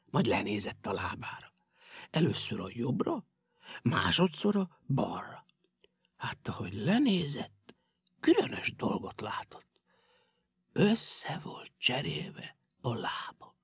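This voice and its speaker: Male audiobook narrator, playful children's tale, lively pitch, dry studio sound. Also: long pauses, breathy edge, no room sound, whispered. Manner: animated and playful. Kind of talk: expressive children's story reading.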